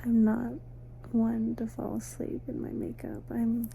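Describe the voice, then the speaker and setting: A woman giving a soft, sleepy, casual ASMR ramble, mostly in a breathy whisper, unhurried and intimate as if talking to the listener. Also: a little high, completely flat delivery, a little hiss or hum, low-quality recording. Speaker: ASMR host. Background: faint night ambience, crickets outside.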